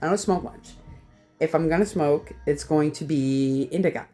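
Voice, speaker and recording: Slightly tipsy on whiskey, a young Canadian vlogger who collects horror rambles through a convention story full of profanity. She talks at a normal speed with lively jumps in pitch over soft background music in this casual vlog.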